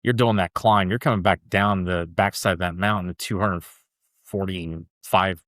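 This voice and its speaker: Low-voiced man telling a story, chatty. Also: fairly even intonation, normal speed, a bit bright, dry recording, clean studio sound. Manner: loose and chatty, peppered with "like" and "dude". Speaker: podcast guest, ultra runner. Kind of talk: casual storytelling interview.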